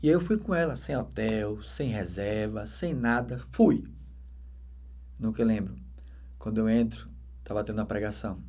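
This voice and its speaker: A man with a Brazilian Portuguese accent, a deacon giving a dramatic conversion testimony that swings between loud emphatic bursts and hushed soft passages. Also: fairly low pitch, normal speed, pauses often.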